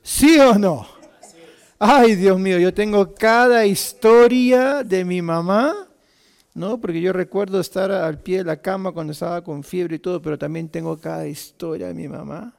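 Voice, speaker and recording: Un predicador nacido en Argentina que da un sermón conversado y bromista ante una congregación. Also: male voice, high-pitched, moderate pace, gravelly. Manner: warm, chatty, jokes with the congregation. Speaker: preacher. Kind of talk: sermon.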